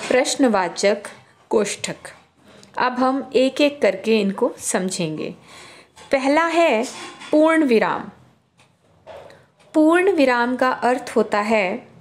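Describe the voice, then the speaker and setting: Slow, deliberate woman teaching children. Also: on the high side. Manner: slow, deliberate explaining, repeats terms. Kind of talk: Hindi grammar lesson for children.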